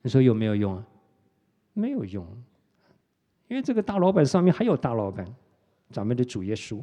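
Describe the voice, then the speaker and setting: Middle-aged guy preaching, mellow voice, tells a story from his work days, throws in english words, long echo from the hall. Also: mid-range voice, brisk. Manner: animated storytelling, mixes English words into Mandarin, tag particle "哈". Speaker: pastor. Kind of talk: sermon with personal testimony.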